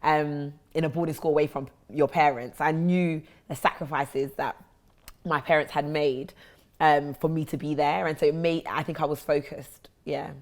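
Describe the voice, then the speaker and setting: A woman's voice: low voice, steady tone, normal speed. A woman with a South London accent telling her own story as an interview guest, acting out remembered exchanges. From South London, England.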